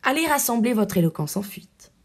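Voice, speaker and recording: A woman's voice: a little high, big pitch swings, normal speed, husky, voice pushed up, heavily acted. A woman reading the part of a witty, demanding young noblewoman who teases and scolds her suitor. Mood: teasing. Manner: teasing and disdainful.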